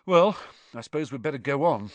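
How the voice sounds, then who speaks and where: A man voicing a shaken but brave teenage boy wizard, panting, with a high, strained voice. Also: expressive, fairly quick, no echo, close to an everyday voice.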